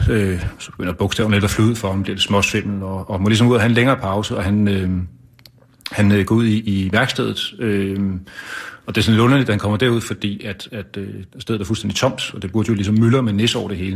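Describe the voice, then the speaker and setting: Husky-voiced man, halting storyteller. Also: lowish voice. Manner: halting, many fillers and restarts. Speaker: author. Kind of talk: casual interview talk and reading aloud.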